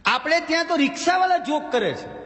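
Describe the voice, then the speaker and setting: A Gujarati-accented man performs a stand-up comedy monologue, telling everyday anecdotes and dropping into character voices for the punchlines. His voice sits very high. It rings out with a long reverb through a hall, over a faint background noise. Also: animated, fairly quick, pushed and bright.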